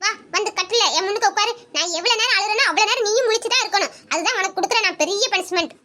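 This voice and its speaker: Very high-pitched scolding woman. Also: rapid-fire, pushed and bright. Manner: wailing, scolding, bossy. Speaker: new bride in a comedy skit. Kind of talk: comic couple sketch.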